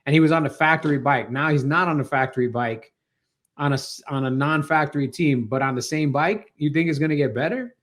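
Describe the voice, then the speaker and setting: Man, panelist, fairly high voice, slangy, emphatic, casual chat. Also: brisk, fairly bright tone. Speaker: podcast panelist.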